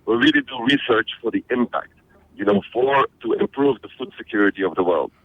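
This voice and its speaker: A man's voice: lowish voice, brisk, no echo. Middle-aged man from Belgium, interview guest, eager and restarting often, on a phone-quality line. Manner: energetic, many restarts and fillers. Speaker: interview guest, social media trainer. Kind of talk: radio interview answers. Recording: phone-like narrow band audio.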